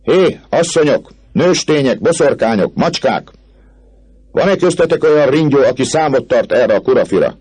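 A man voicing a loud, rowdy male vagabond king in an audiobook, calling out and mocking like an auctioneer, with a husky, gravelly voice. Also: mid-range voice, sing-song, voice pushed up. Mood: shouting. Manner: shouting, mocking, theatrical. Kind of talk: audiobook reading.

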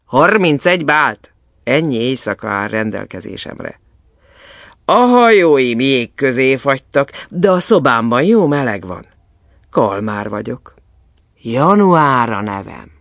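A man's voice: medium pitch, sing-song, vocal fry, fairly bright tone, no room sound, studio quality. A man voicing January, a confident young merchant who proudly announces himself.

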